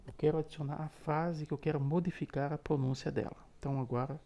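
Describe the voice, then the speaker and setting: A man's voice: fairly high pitch, fairly even intonation, fast, mellow. A man hosting a step-by-step tutorial on using a phone screen reader, patiently explaining each gesture aloud. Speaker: tutorial host.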